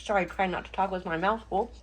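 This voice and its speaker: In a casual kitchen vlog, a middle-aged woman who runs a cooking channel narrates from her home kitchen. She talks fairly quickly in a mid-range voice, chatty and relaxed, with plenty of fillers and little laughs.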